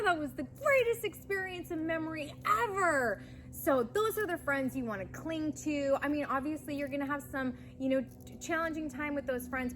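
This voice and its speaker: A woman giving a pick-a-pile card reading in an enthusiastic, chatty way that sometimes gets loud and rowdy. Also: high voice, a little hiss or hum. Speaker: tarot card reader.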